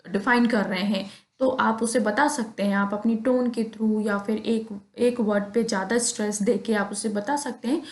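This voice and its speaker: A woman teaching philosophy, reading definitions slowly and explaining them more quickly in casual asides. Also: fairly high pitch, roomy sound. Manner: slow, deliberate reading of English definitions, quicker Hindi explanations. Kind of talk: explanatory lecture mixing Hindi and English.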